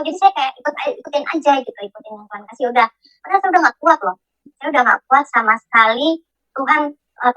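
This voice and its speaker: Woman, middle-aged, bright tone, dry close sound, halting testimony, fillers and restarts. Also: on the high side, dry recording, poor audio. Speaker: testimony speaker.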